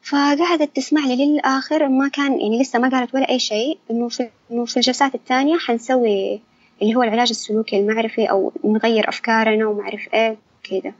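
A woman's voice: a little high, racing, no echo, muffled recording. A young woman, candidly telling her personal story as an interview guest. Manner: candid, animated storytelling with quoted dialogue.

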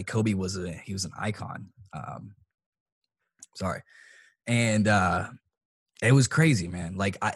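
A man talking about basketball in a casual sports chat, choked up and halting, with many restarts and fillers and some casual swearing. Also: sits low, husky, no room sound.

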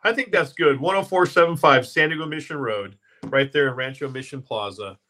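A man's voice: a little high, fairly quick, bright, forceful tone. Chatty male podcast host. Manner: chatty, promotes the sponsor with many fillers and self-corrections. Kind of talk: casual live-stream chat.

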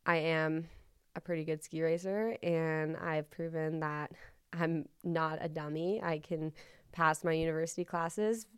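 A young woman with a low voice rambles through a casual podcast monologue, slightly hoarse from being a little sick. Her words stay smooth and clear despite that, full of likes and ums. The sound is close and dry. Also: steady tone, unhurried, no room sound. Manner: rambling, many likes and ums, laughs softly. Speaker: podcast host, ski racer.

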